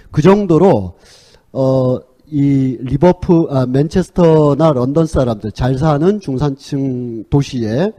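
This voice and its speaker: A man giving a conversational public lecture, telling stories with frequent fillers and pauses. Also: on the high side, warm tone. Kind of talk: public lecture on sports and culture.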